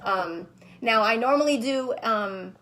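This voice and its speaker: Chatty woman coach, slightly high voice. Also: animated, a little slow, slight background noise. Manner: chatty, restarts often, warm to named viewers. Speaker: running coach. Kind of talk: live-stream talk answering viewers.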